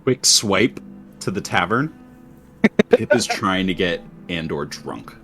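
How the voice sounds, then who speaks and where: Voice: deep voice, very animated, slow pace, fairly bright tone, faint music behind. A game master narrating a tabletop game in a matter-of-fact way.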